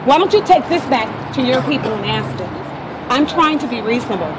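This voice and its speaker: Out on a city street by the traffic, an American local woman is confronting a protester, pressing her case insistently with frequent repetition and interruptions. Her voice is fairly high, animated, and fairly quick. A handheld phone camera recorded it, picking up plenty of street noise.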